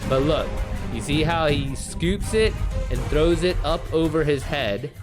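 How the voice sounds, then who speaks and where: Music plays in the background as this male live streamer, whose voice is on the high side and measured in pace, offers loose, casual running commentary peppered freely with swearing.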